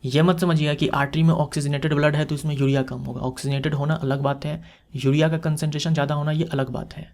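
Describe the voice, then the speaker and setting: A man's voice: a little high, little pitch movement, quick pace, darkish tone. A man giving an exam-prep lecture, explaining step by step, repeating key terms and asking rhetorical questions. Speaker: teacher.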